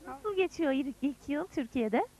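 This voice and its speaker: A woman's voice: high-pitched, sing-song, measured pace, dark tone. A woman presenter interviewing guests in a broadcast field report, putting questions to them.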